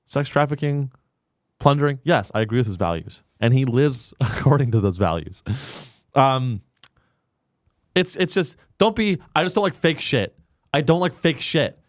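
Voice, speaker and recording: Brief: male podcast host, mid-pitch, sarcastic and crude, dry close sound. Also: sing-song, moderate pace, dry recording. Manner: crude, sarcastic, swings to high mocking pitch. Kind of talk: casual comedic chat.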